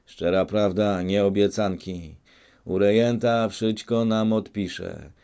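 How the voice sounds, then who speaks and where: A man reading an audiobook, voicing a fiery, insistent peasant agitator who shouts his case at the village men. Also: fairly low pitch, steady tone, slow, creaky, clear, resonant tone. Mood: heated, insistent.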